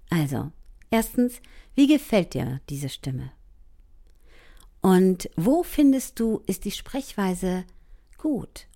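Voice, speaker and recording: A female voice coach runs a voice training lesson, addressing the listener directly with encouragement and now and then slipping into soft asides. Her voice sits in the mid range.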